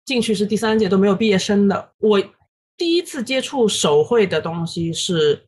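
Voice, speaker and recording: A woman in her thirties, a guest illustrator on a podcast, recounting her story in an animated way with many fillers and English words dropped in. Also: mid-range voice, normal speed, a little hiss or hum. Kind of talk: casual podcast interview.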